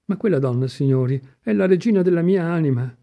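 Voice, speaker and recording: A man voicing an excitable, impassioned young man in a storybook reading, pleading in exclamatory outbursts. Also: on the high side, fast, creaky, lo-fi sound.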